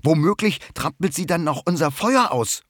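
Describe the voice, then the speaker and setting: A man's voice: fairly high pitch, expressive, normal speed, fairly bright tone, no room sound, studio quality, pitched above the performer's own voice. A man voicing a grumpy small male insect in a children's story, grumbling and suspicious.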